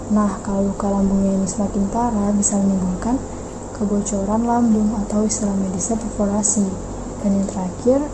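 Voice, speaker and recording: A woman's voice: mid-range voice, background noise. A young woman from Indonesia explaining a health topic casually to fellow students. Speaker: student presenter.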